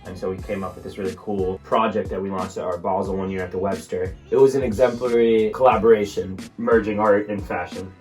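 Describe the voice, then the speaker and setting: A man in his thirties from Italy, an art collector and gallery owner, talking in a casual, halting way and often saying "you know". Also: sits low, fairly even intonation, a little mellow. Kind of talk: casual interview monologue. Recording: roomy sound from a distant mic with faint music.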